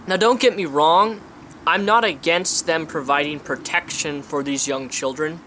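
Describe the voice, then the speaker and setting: A young man vlogs outdoors in the sunshine, sharing his opinions in a chatty way as he eats, food in his mouth. His voice runs on the high side with a sharp tone, and there's a faint hiss or hum in the recording.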